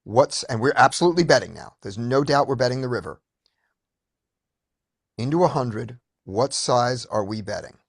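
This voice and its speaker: A man's voice: mid-range voice, expressive, moderate pace, no echo, clean studio sound. A man leading a poker study group on a video call, explaining step by step with frequent restarts. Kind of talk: casual teaching discussion.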